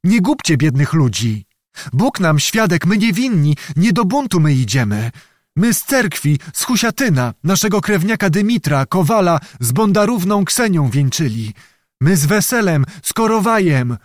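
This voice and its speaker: A man's voice: high voice, very animated, moderate pace, dry recording, clean studio sound, pitched above the performer's own voice. A man doing a pleading old peasant. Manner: pleading, bowing, rustic speech.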